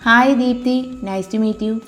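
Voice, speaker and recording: A woman's voice: fairly high pitch, steady tone, slow, fairly bright tone, soft background music. A woman doing a doting young fiancé. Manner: tender, coaxing, teasing. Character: sweet-talking young man, doting fiancé.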